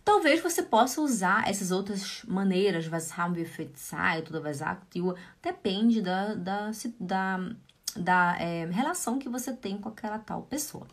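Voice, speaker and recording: Lively woman teaching German. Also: medium pitch. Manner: lively, drills phrases slowly, often asks "né?". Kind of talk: live online language lesson.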